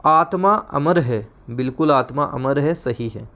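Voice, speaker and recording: A man's voice: mid-range voice, expressive, unhurried, fairly bright tone. A man teaching an exam-prep grammar class, repeating words over and over and giving frequent reminders. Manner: repetitive, drilling words again and again.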